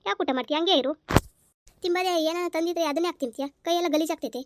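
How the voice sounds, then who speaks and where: A woman's voice: very high voice, fast. A young girl playing a bossy older sister who nags and lectures her sibling. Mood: nagging. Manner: nagging and sharp-tongued. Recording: clear background noise.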